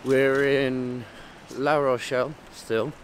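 A young man, chatting casually to camera on a travel vlog, jokey and quick to laugh. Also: mid-range voice, fairly even intonation, faint music behind. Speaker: vlogger. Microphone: handheld camera close to face.

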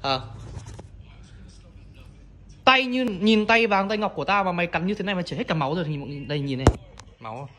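A speaker who scolds a pet at a breakneck clip, half stern and half teasing. The pitch sits in a middle range, and the talk is relaxed and homely. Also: very fast, background noise. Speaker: pet owner.

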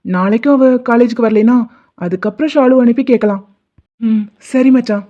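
A woman voicing an anxious, lovesick young college man in an animated drama, speaking in a worried, hesitant way. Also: fairly high pitch, normal speed, close to an everyday voice. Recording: dull lo-fi audio.

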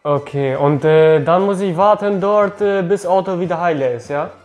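A man's voice: sits high, moderate pace, a little mellow, soft background music. A man in his twenties talking casually as the host of a prank call video, recorded in a living room. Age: 20s. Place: living room sofa, indoors.

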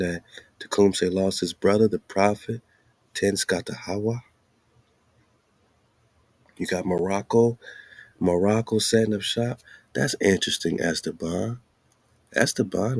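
A man with a deep, husky voice hosts an informal commentary monologue over on-screen maps and documents. He uses slang, poses rhetorical questions, and repeats phrases for emphasis. The recording has no echo.

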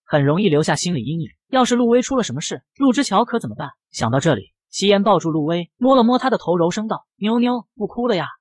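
A man narrating a romance comic story in a quick, lively storytelling manner. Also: high voice, breathy edge, no room sound, clean studio sound.

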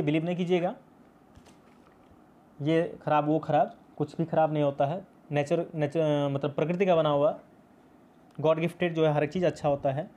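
A man's voice: sits high, mellow. A male teacher explaining a poem in a class video, patient and repetitive, mixing English terms into his speech. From India.

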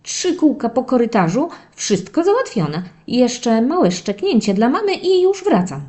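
A woman voices a playful young male terrier puppy who reads stories from his diary to children, excited and mischievous, her voice a little high. As narrator of a children's audio story series, she delivers the animated first-person tale in an expressive, drawn-out, dramatic way.

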